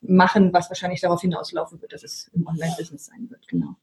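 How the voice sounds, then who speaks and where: A middle-aged woman talks in a relaxed podcast conversation. She thinks aloud, weighing her words, and laughs easily between thoughts. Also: fairly low pitch, fast talker. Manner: reflective, laughs often. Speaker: podcast guest, wife. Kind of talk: casual chat.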